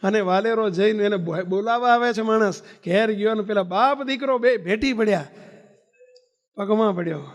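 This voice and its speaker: A man's voice: high-pitched, moderate pace, big-room sound. A man swami giving a devotional sermon, telling stories animatedly and throwing rhetorical questions to the listeners. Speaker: swami preaching a religious discourse.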